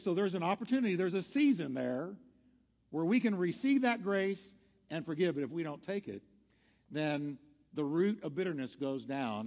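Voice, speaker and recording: A man's voice: on the high side, darkish tone. A man preaching a sermon as a pastor, earnest and exhorting, driving his points home in short, emphatic, repeated phrases. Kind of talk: sermon with altar call. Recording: long hall reverb, music behind.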